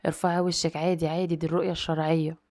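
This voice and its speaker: A woman's voice: low-pitched, level tone, very fast, a little mellow, natural voice. A woman with an Egyptian Arabic accent voicing a confident, playful young man who teases. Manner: teasing, playful.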